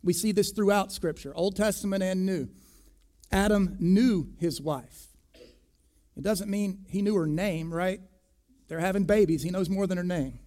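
High-voiced man preaching emphatically. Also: steady tone, moderate pace, darkish tone. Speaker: pastor. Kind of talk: sermon.

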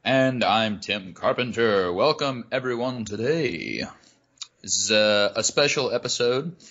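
A man's voice: lowish voice, lively intonation, a little slow, fairly bright tone, muffled recording. A man co-hosting a podcast, ranting casually and sarcastically with loose, comic swearing. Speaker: podcast co-host. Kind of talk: casual comic rant, profane.

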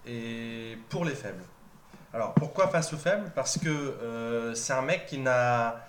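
A man on a football panel, building his argument step by step in a measured way. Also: mid-range voice. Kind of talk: casual football debate. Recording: echoey room with steady noise.

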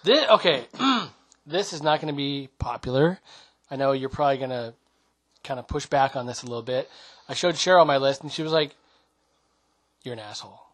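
A man's voice: medium pitch, lively intonation, fairly quick, a bit bright. Easygoing male podcast co-host. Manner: easygoing, laughs often, hesitant fillers. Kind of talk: casual chat.

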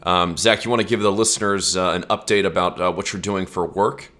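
A man's voice: deep voice, steady tone, fairly quick, pushed and bright. A man in his late twenties from the United States, hosting a casual podcast chat and joking around with a lot of swearing. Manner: joking, profane, laughs often. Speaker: podcast host.

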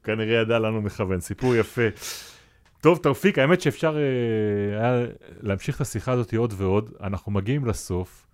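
A man hosting a podcast interview who asks calm, measured questions. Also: fairly low pitch. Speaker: podcast host.

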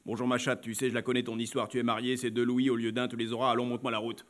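A man's voice: medium pitch, flat delivery, pitched below the performer's own voice, close to an everyday voice. A man voicing a brash, mocking stranger. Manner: slangy, mocking, unhurried. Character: brash, overfamiliar man, coarse and sure of himself. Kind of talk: audiobook reading.

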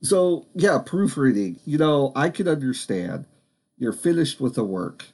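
Male co-host, husky and a bit breathy, dry teasing tone, casual chat. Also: mid-range voice, sing-song, unhurried, a little mellow. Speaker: podcast co-host.

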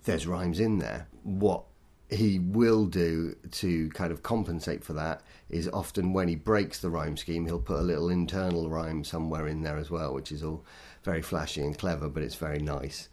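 A man, a poet, talking thoughtfully and self-deprecatingly in an interview, in a halting way. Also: very deep voice, steady tone, darkish tone. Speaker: poet guest. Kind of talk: interview conversation.

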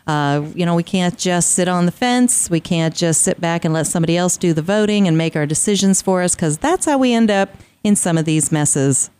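A woman's voice: fairly low pitch, animated, brisk, hardly any pauses, darkish tone, clear, resonant tone. A woman co-hosting a talk radio show in a conversational style.

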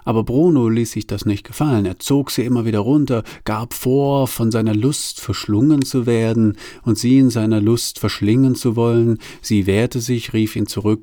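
A man's voice: mid-range voice, fairly even intonation, moderate pace, hardly any pauses, mellow, dry recording. A man reading a novel chapter aloud in a plain, wry delivery. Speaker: narrator. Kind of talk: literary reading.

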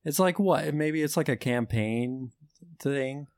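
A man co-hosting an improv comedy podcast, pitching ideas in loose, hedging chat. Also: slow, a little mellow, clear, resonant tone, dry recording. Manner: loose, hedging, laughing brainstorm talk. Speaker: podcast co-host.

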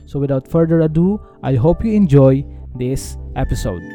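A man's voice: medium pitch, expressive, moderate pace, warm tone, soft background music. A Filipino man hosting a podcast, chatting casually and rambling with many fillers and restarts. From Philippines. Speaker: podcast host.

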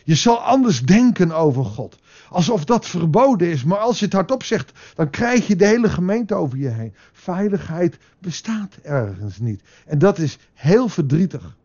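A man preaching a devotional sermon, speaking with passion and rising to emphatic peaks, then growing quiet as he prays. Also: high-pitched, sing-song, normal speed, dull audio.

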